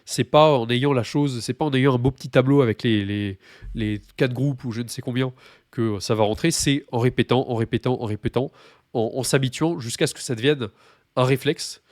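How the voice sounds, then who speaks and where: A man gives an informal language lesson in a voice of ordinary pitch. He explains patiently, often pausing, restarting and repeating key points. The recording is dry and close, with no room sound. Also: a little mellow, no echo. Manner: informal and repetitive, with many hesitations. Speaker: language teacher.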